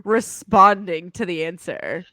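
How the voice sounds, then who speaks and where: A woman co-hosting a casual podcast with a nasal voice, playful and quick to laugh. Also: on the low side, pushed and bright, no room sound, studio quality. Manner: playful, laughs easily, tells puns. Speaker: podcast co-host. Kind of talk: casual chat.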